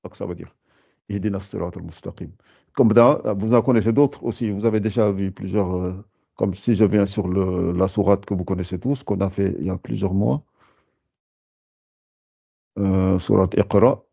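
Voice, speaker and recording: A man's voice: sits low, fairly even intonation, normal speed, gravelly, dark tone, highs cut off. A man teaching a lesson, explaining patiently with many fillers and restarts. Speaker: Quran recitation teacher.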